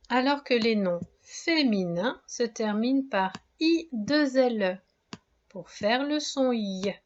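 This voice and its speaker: A woman's voice: fairly high pitch, darkish tone, slight background noise. A woman teacher giving a spelling dictation lesson to young children, breaking words into syllables, careful and encouraging. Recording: dull lo-fi sound.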